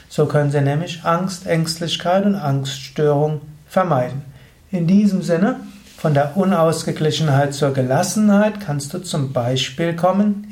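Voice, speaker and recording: A man, a yoga teacher and author, giving a calm spoken teaching talk that speaks straight to the listener and acts out example inner voices. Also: on the high side. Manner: calm, explanatory.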